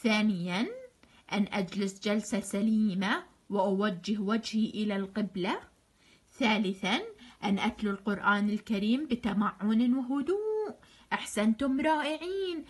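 A woman's voice: medium pitch, normal speed. A woman teacher with a Jordanian accent reviews grammar for first graders, praising them often and stretching out example words. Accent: Jordanian Arabic. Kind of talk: recorded online grammar review lesson.

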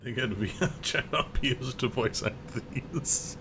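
A man's voice: mid-range voice, a little slow, a crowd in the background. A man giving casual, wry commentary while playing a video game. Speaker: gaming streamer. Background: game music.

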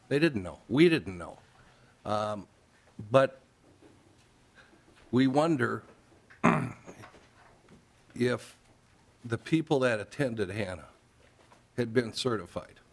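An old man in his sixties speaks with an American accent in a somewhat low voice. He gives personal testimony into a table microphone in a committee room. His delivery is plain-spoken and earnest, with a halting flow. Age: 60s. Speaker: grandfather testifying at a legislative hearing. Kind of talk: personal testimony at a public hearing. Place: indoor legislative committee room. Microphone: gooseneck table microphone.

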